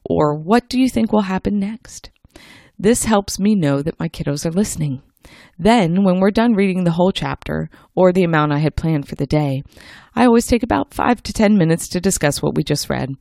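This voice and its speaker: A woman hosting a scripted how-to podcast, speaking in a clear, structured, instructional way. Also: on the low side, a little fast, dark tone, no room sound, studio quality. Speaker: podcast host.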